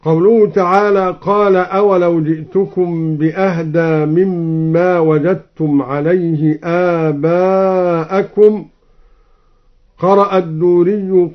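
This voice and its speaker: On an old, muffled radio recording from Egypt, a high-voiced man presents Quran recitation readings. He explains each variant before chanting it in a slow, melodic style.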